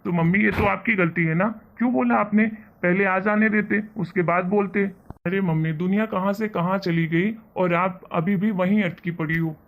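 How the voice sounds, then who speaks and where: A man voicing a kind, earnest young husband and son in an animated family story. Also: high-pitched, normal speed, narrow, tinny audio. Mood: pleading. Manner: earnest, persuasive.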